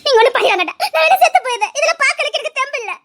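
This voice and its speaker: Brief: a young woman in love, clingy and jealous, crying hard, fast and very high. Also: animated, fairly bright tone. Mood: tearful pleading. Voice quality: sobbing, half laughing through tears. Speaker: lovesick cousin in a TV serial. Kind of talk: TV serial melodrama.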